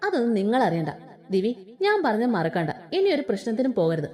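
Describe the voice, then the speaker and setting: A woman voicing a gentle older brother, a young man who talks softly and fondly to his little sister. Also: high voice, huge pitch swings, quick pace, voice pushed down. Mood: fond teasing. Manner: soft, doting, teasing.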